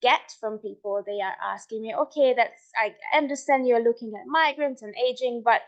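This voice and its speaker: A middle-aged woman from Hungary giving a measured academic talk on her research, with frequent ums and restarts. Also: fairly high pitch, lo-fi sound. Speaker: researcher presenting her work.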